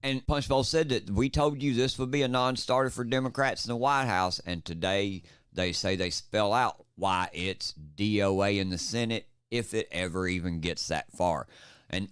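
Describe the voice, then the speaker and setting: A man's voice: sits low, fairly bright tone, clear, resonant tone, dry recording, studio quality. A man co-hosting a political talk podcast, speaking emphatically and with passion. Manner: emphatic, impassioned ranting. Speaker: podcast co-host.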